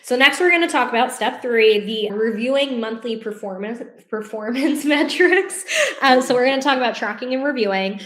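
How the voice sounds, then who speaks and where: A woman's voice: on the high side, normal speed, fairly bright tone, roomy sound. A woman co-hosting a training podcast, talking conversationally and encouragingly, straight to her listeners. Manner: encouraging, directly addressing listeners. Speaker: co-host of a real estate business training podcast. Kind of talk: conversational instructional talk.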